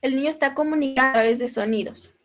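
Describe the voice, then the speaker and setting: A woman with a Mexican accent teaches a lecture in a high voice. She keeps checking that her listeners follow her and clears her throat now and then. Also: quick pace. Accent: Mexican Spanish.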